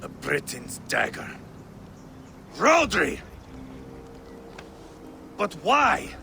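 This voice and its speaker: A man playing a fierce, vengeful, hot-tempered Viking warrior in a video game, with a gravelly, commanding voice. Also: sits high, huge pitch swings, very slow, slight background noise, heavily acted. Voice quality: gravelly, forceful. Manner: intense, commanding, theatrical.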